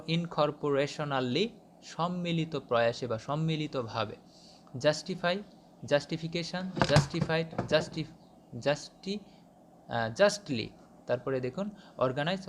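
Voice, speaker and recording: A man's voice: on the high side, slight background noise. A Bangladeshi-accented man teaching English, reading word forms from a list, often restarting words and asking his students if they follow. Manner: halting, with frequent restarts and checking questions. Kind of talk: reading a vocabulary list aloud in a lesson.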